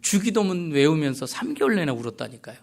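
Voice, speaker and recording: A middle-aged man preaching a sermon as pastor, earnest and conversational, with soft asides. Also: a little high, big pitch swings, fast, vocal fry.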